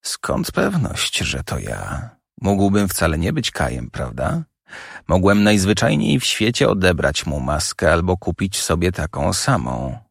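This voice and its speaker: A man's voice: big pitch swings, creaky, husky, no room sound, clean studio sound, full character voice. A man voicing a growling masked tormentor. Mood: menacing taunt. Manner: low, slow, growling taunts. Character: menacing masked young man, taunting and possessive.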